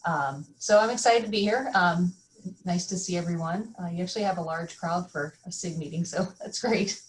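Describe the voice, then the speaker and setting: A woman's voice: on the low side, normal speed, low-quality recording. A woman who directs preclinical faculty, introducing herself in a friendly way on a video call. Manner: friendly, laughs lightly.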